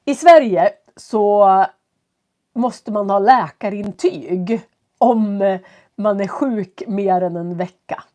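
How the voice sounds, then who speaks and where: A woman with a stuffy nose and a cough, teaching from home and talking slowly and clearly for learners as she greets viewers on a live stream. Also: medium pitch, mellow. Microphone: computer setup.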